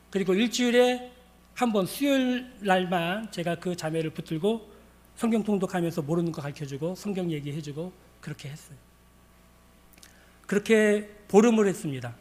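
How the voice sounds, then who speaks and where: A man with a high voice preaches a sermon. He tells a story and acts out the dialogue along the way, in a plain pastor's delivery.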